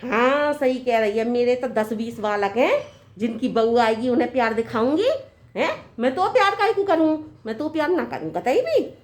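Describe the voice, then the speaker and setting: A woman playing a nagging older mother-in-law who scolds in a shrill, sarcastic shout, in a comedy sketch. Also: animated, normal speed, natural voice.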